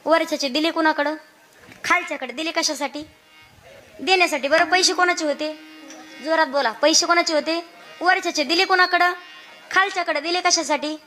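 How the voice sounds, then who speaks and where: A woman preacher giving a devotional kirtan sermon, asking the audience questions and slowly singing verses. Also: very high-pitched, fairly even intonation, sharp tone, soft background music. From Maharashtra, India.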